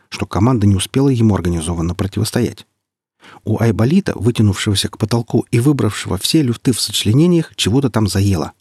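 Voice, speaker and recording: Deadpan, husky male audiobook narrator. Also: medium pitch, no echo, clean studio sound. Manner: deadpan, mock-serious storytelling.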